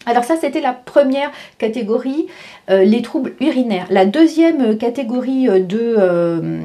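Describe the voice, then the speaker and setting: Chatty woman with a mellow voice. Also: on the high side, lively intonation, moderate pace. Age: 50s. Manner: chatty, many fillers and restarts, laughs easily. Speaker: vlogger. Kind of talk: casual explanatory vlog.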